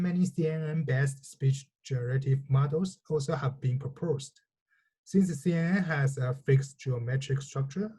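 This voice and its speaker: Presenting a technical lecture from a script, a researcher who is a native Chinese speaker speaks formally and methodically, sometimes tripping over words. His voice is on the high side, warm and slightly rough, in a low-quality recording.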